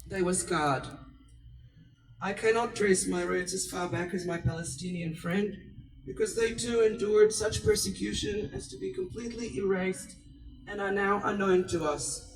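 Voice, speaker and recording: A woman's voice: medium pitch, sing-song, recorded from a distance, a little hiss or hum, low-quality recording. Earnest Israel-born woman at a rally. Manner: earnest, measured, declarative. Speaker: rally speaker. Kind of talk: prepared speech at a protest. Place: outdoors at a public rally.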